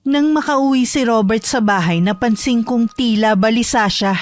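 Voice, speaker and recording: A woman's voice: on the high side, normal speed, no echo. A woman narrating a true horror story in first person as the wife. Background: music.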